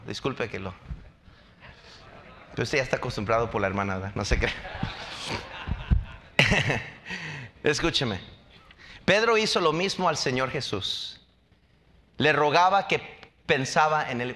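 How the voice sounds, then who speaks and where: A man's voice: fairly high pitch, bright, forceful tone, a little hiss or hum. A male preacher delivering an emphatic sermon, questioning his congregation and acting out quotes. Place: church.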